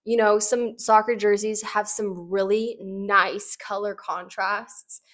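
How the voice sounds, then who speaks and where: A woman's voice: medium pitch, fairly even intonation, takes it slowly, fairly bright tone. Casual, chatty woman giving fashion opinions. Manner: informal, conversational, frequent "like" as emphasis. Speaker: fashion commentator, host.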